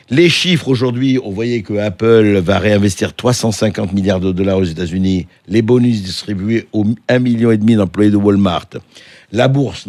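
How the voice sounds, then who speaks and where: A low, gravelly man talking on a radio panel, close and dry on the mic. He rambles eagerly, laughing between points. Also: dry recording. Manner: lively, rambling, laughing asides. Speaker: radio host, guest commentator. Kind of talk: studio discussion. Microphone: studio microphone.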